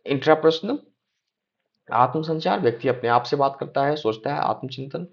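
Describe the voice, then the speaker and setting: A man's voice: on the high side, moderate pace, gravelly. A young man giving an exam-prep lecture, reading points aloud and checking in often with his listeners, with some hesitant fillers. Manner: repeats check-in tags like "है ना?" and "ठीक है?". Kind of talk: explanatory lecture. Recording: slightly dull lo-fi sound.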